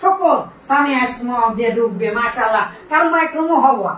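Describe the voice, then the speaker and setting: A woman's voice: fairly high pitch, lively intonation, quick pace, a bit bright. A woman teaching an Arabic grammar lesson, quizzing her students and repeating the key terms. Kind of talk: classroom lesson. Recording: echoey room, distant mic, faint noise.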